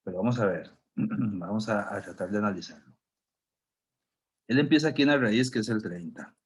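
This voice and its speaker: Brief: male lecturer, lowish voice, scratchy throat, patient step-by-step explainer over a video call. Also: normal speed, slightly rough. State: sore throat, clearing it often. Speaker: university professor. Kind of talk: online class lecture.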